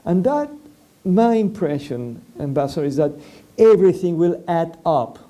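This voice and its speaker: A native Spanish speaker from Venezuela, a panelist at a public forum, works through a policy point in a very dark, mellow voice that is also on the high side and sing-song, at a moderate pace. He stumbles often, saying "uh," repeating words and restarting before the thought comes.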